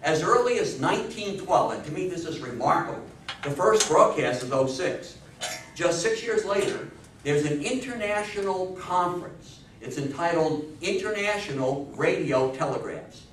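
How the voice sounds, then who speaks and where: A man in his sixties gives an animated public history lecture to a seated audience in a small meeting room, his voice a little high for a man and fairly bright, with lively intonation at normal speed. He's emphatic and folksy, prompting listeners with questions. A distant camera microphone makes the recording very reverberant, with faint noise.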